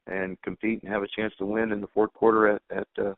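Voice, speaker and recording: A man's voice: fairly low pitch, little pitch movement, quick pace, creaky, dry recording. A man, a head football coach, answering reporters' questions on a teleconference in a plainspoken way, often repeating and restarting words. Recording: phone line.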